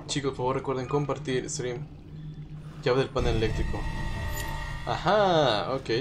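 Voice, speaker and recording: A man's voice: medium pitch, measured pace, over music. A man with a Mexican Spanish accent commentating a live horror game stream, jumpy, swearing and nervously repeating himself. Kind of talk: live let's-play commentary.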